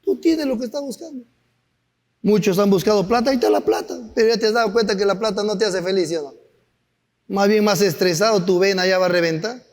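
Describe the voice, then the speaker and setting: A man preaching a sermon as pastor, animated and acting out stories, at times shouting. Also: high-pitched, fast, in a large hall. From Peru. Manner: animated, acts out anecdotes with voices, sometimes shouting.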